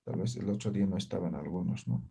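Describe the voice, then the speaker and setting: A man teaching a language class over a video call. He is patient, checks in constantly with short tag questions, and says practice syllables loudly and distinctly. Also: sits low, fairly even intonation, quick pace, creaky, background noise. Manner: patient, ends phrases with "¿ya?" and "¿no?". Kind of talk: online class.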